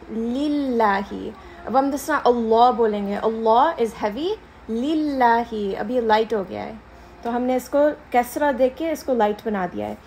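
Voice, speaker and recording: Woman teaching a class, patient, repeats stuff slowly, bit of hiss behind. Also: fairly high pitch. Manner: patient, mixes Hindi-Urdu with English, repeats examples slowly. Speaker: Quran recitation teacher. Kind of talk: class lesson.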